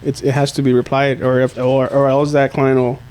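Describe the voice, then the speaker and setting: A man hosts a casual podcast chat, talking loosely and restarting his sentences as he goes. His voice sits at an ordinary middle pitch. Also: brisk. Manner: relaxed, rambling, restarts often. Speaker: podcast host.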